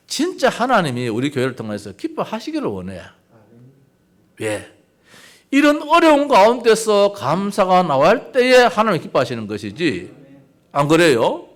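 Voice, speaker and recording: An older man preaching a sermon as pastor, talking conversationally and asking the congregation rhetorical questions. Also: on the high side.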